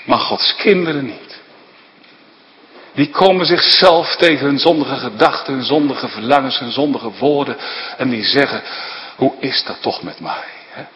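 A man preaching a sermon in a church, emphatic and slow, rising to soaring exclamations and dropping to hushed asides, often tagging his sentences with a questioning "hè?". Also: medium pitch, highs cut off. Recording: long church reverb.

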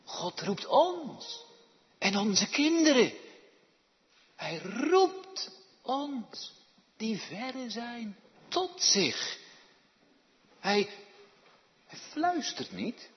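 A man preaching a sermon in a church, swinging from hushed, slow words to loud calls. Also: very high-pitched, sing-song. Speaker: pastor. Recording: dull echoey church hall.

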